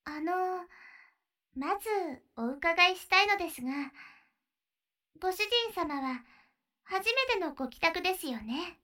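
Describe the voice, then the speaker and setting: A woman voicing a sweet, very high-pitched café maid. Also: animated, measured pace, pauses often, exaggerated voice. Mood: cheerful, welcoming. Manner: polite and honorific, gently guiding. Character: sweet, attentive young maid serving her master. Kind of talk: ASMR roleplay.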